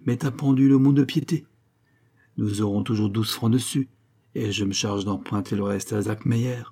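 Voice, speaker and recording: A man's voice: on the low side, fairly even intonation, moderate pace, warm tone, breathy edge. A man voicing a pipe-smoking young male art student who badgers his friend over and over. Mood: coaxing. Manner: insistent, repetitive badgering.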